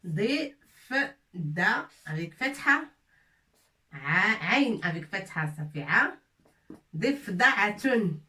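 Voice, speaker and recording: A woman teaching a language lesson slowly and patiently, repeating each word and asking her viewers questions. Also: lowish voice, big pitch swings, pushed and bright, reverberant, recorded from a distance. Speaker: Arabic teacher.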